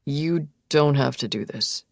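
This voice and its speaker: A woman reading a gentle, concerned man. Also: low-pitched, measured pace, gravelly, no room sound, studio quality. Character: concerned male friend, gentle and protective.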